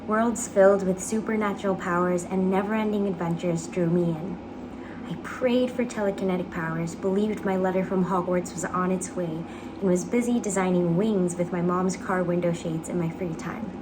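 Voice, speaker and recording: Clear background noise surrounds a young woman with a fairly low voice. She reads a personal essay aloud as a dramatic piece. Her phrasing is earnest, measured and careful. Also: fairly even intonation. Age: young adult. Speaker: actor reading own application essay. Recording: clearly noisy background ambience.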